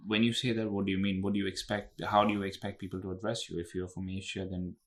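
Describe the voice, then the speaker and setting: A man's voice: low-pitched, flat delivery, fast. A man who is a podcast guest, speaking as an in an earnest, casual way and repeating phrases for emphasis.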